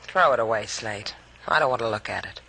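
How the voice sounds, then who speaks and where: An actress playing a cool, sardonic young woman at sea, husky and quick in a 1950s radio drama. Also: extremely low pitch, sharp tone, heavily acted, low-quality recording. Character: young woman sidekick, cool but worried.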